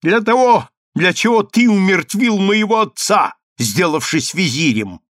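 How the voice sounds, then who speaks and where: A man voicing a defiant, spiteful young woman who shouts her scorn in a shrill voice. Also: expressive, unhurried, no room sound, studio quality.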